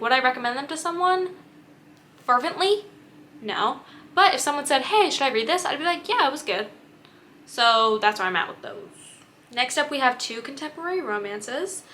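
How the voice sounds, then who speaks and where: Young woman, chatty and candid, bright voice, slightly high, faint room noise. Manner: chatty, candid, filler-heavy. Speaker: book vlogger. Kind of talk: casual chat.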